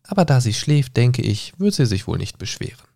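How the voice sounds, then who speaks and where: A man's voice: mid-range voice, big pitch swings, normal speed, creaky, darkish tone, no room sound, studio quality. A man voicing a polite, curious young girl who is easily indignant, in a raised, slightly prim voice.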